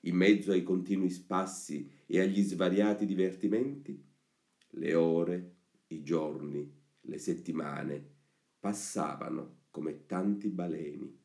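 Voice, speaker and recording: A man reading a fairy tale aloud with expressive, lively delivery. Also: low-pitched, slow pace, gravelly. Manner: expressive, rising on lively lists. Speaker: narrator. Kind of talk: scripted narration of a fairy tale. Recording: roomy echoey recording.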